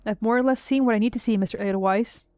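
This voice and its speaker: A woman reading the lines of a shrewd male ambassador in a game story, polite and measured. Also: fairly high pitch, darkish tone, no echo, clean studio sound, soft background music, close to an everyday voice. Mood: brisk. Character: man, a shrewd foreign ambassador.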